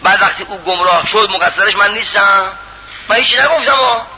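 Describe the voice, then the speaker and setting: A man preaching a sermon in an impassioned, pleading way, swinging between loud appeals and hushed lines. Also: high voice. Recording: muffled lo-fi recording with faint hiss.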